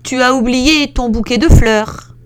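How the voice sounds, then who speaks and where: A woman's voice: sits high, expressive, slow pace, slight background noise, pitched above the performer's own voice. A woman voicing a middle-sized bear in a read-aloud storybook, complaining in a raised voice. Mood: indignant. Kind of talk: storybook reading.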